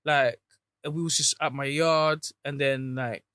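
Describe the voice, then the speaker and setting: A man's voice: medium pitch, steady tone, a little slow, fairly bright tone, clear, resonant tone, no room sound. A man in his thirties with a London accent, chatting casually as an interview guest in roadman street slang. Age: 30s. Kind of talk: casual chat.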